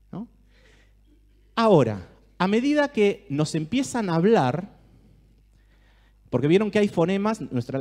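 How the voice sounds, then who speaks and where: A man's voice: a little high, mellow. A man with an Argentine Spanish accent, giving a talk to a church group and speaking straight to his listeners with questions. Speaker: speaker at a church family ministry. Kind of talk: talk to a live audience.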